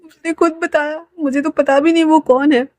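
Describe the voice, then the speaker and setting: A woman's voice: steady tone, moderate pace, a little mellow, no echo, lightly acted. A woman voicing a panicky, whiny young man who half cries as he frets. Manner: whining, half crying, high-pitched.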